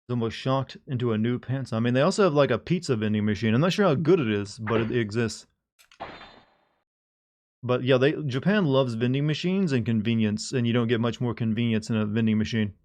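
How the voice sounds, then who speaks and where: A man's voice: medium pitch, expressive, brisk, a little mellow. Rambling, wry male game streamer. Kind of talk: casual gameplay commentary.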